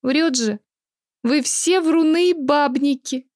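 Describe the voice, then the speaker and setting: A woman reader voicing a tipsy, dramatic young woman who is quick to take offence. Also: high voice, darkish tone, dry recording, studio quality, pitched above the performer's own voice. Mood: outraged.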